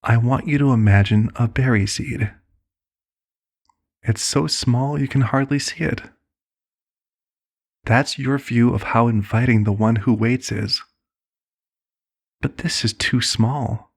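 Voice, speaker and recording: A man does an ASMR roleplay as a serenely manipulative cult leader, soothing yet condescending and persuasive, in a coaxing, reassuring mood. His mid-range voice is gravelly and slow, with long pauses.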